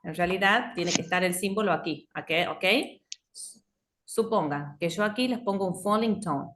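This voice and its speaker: A woman's voice: on the low side, normal speed, fairly bright tone, a little hiss or hum. Argentine woman, phonology teacher on a video call, bilingual, keeps asking "ok?". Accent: Argentine Spanish. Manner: mixes Spanish and English, checks understanding often. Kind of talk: online class explanation.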